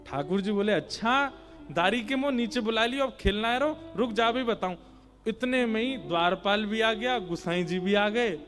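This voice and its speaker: A man preaching a devotional story-sermon, acting out the characters in raised voices and breaking into slow sung lines. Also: high-pitched, fairly bright tone, faint music behind. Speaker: Bhagavat katha preacher.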